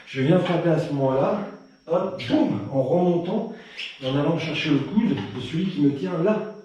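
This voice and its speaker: A man teaching a live self-defense class, counting out strikes loudly and pushing the pace, then explaining techniques in a relaxed way. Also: on the high side, moderate pace, heavy reverb, far from the mic, dull audio, a little hiss or hum. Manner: relaxed explaining between drills. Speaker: Krav Maga instructor.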